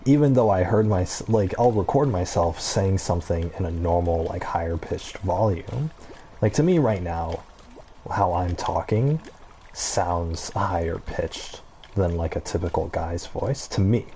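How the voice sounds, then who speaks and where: A male gaming creator with a deep, mellow, low-pitched voice rambles through casual gameplay commentary, halting, trailing off, and circling back, yet staying animated. Faint noise lingers in the background.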